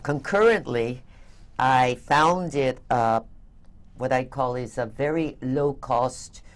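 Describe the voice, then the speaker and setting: An older woman from Venezuela, a guest telling her story in an interview, animated and quick to laugh. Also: very deep voice. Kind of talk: interview conversation.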